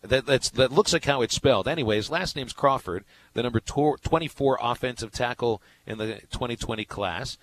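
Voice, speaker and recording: Male sports radio co-host, mid-pitched, casual and rambling, faint noise behind. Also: moderate pace, few pauses, a bit bright, rough recording. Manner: rambling storyteller, many restarts.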